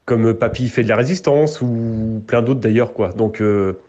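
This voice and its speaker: Slow-talking man in his thirties. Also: mid-range voice, dark tone, muffled recording. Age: 30s. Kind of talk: casual chat.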